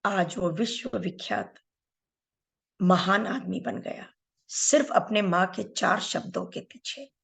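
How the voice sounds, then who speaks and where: A middle-aged woman, a meditation teacher, giving a spiritual talk, telling a story in an unhurried, earnest way and speaking directly to her listeners. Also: medium pitch, gravelly, a bit bright.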